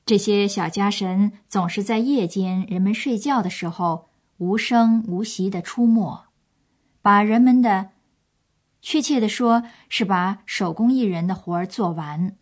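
In an unhurried, mid-pitched voice, a woman narrates from a script for a language course. She retells a story and explains it for the audience.

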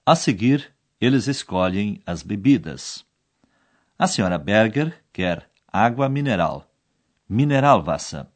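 A man with a lowish, lively voice narrates a language lesson. He sets up each scene and then says the target words slowly and clearly. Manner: explains each phrase, then quotes the foreign words. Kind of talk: scripted narration.

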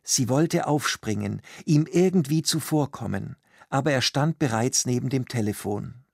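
A man calmly narrating a story in measured, scripted narration for language learners. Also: mid-range voice, creaky, no room sound, clean studio sound. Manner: calm, measured.

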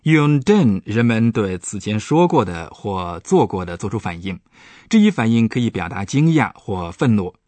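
Lively-voiced male professor explaining grammar. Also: on the low side, normal speed. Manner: patient, explanatory. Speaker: professor explaining German on a radio lesson. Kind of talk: radio language lesson.

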